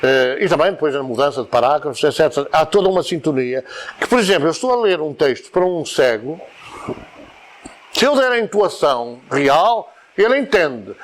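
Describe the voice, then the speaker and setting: A man with a European Portuguese accent giving an informal spoken lecture to a study group, wandering between points, repeating words and explaining with examples. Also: sits high.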